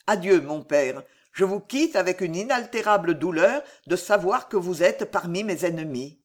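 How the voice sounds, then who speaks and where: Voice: mid-range voice, expressive, moderate pace, natural voice. A reader voicing an earnest young knight pleading with his father, fervent and grieving. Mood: sorrowful. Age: young adult. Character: young male knight, earnest and tormented son. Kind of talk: audiobook reading.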